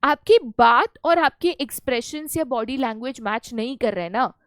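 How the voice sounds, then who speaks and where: Young Indian female teacher, high clear voice, dry close sound, animated and playful. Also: moderate pace, no echo. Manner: lively, acts out little scenes with playful voices. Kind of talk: online lecture in Hindi mixed with English.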